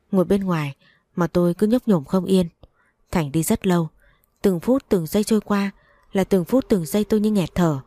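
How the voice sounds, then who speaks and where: A woman's voice: lowish voice, dark tone, no room sound, clean studio sound. A woman narrating a first-person story in an earnest, emotional reading.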